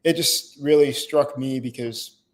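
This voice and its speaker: A man's voice: medium pitch, measured pace. Hesitant young man being interviewed. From Haiti. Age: teens. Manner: hesitant, with fillers and restarts. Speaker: guest. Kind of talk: interview answers.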